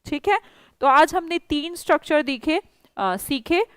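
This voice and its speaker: A woman's voice: high-pitched, expressive, a little slow, no room sound. A woman with an Indian accent teaching a spoken English class online, coaxing and reassuring her students.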